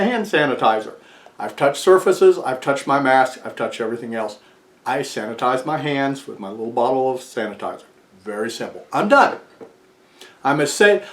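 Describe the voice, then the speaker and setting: An American man in his sixties giving a casual explanatory talk to camera. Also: mid-range voice. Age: 60s. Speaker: video presenter. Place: small furnished room indoors, seated in armchair. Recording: echoey small room.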